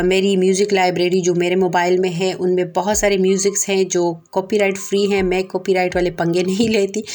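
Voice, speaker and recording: A woman in her thirties with a Pakistani Urdu accent narrates her household day in a chatty, homely way, talking straight to her viewers. Her voice sits at an ordinary middle pitch, and soft music plays faintly behind her. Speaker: home vlogger. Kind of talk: casual home vlog narration.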